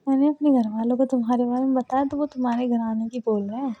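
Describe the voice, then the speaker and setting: A woman's voice: a little high, steady tone, fast. A young woman on a staged romantic phone call, playfully teasing and coaxing.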